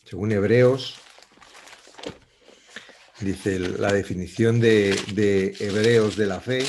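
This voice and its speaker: A man teaching a Bible study in a conversational, reflective way, often pausing and restarting as he searches for words. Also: on the low side, fairly even intonation, background noise.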